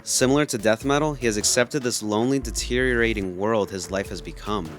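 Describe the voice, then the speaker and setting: A man's voice: lowish voice, brisk, slight background noise. A man reading scripted narration as a video essayist.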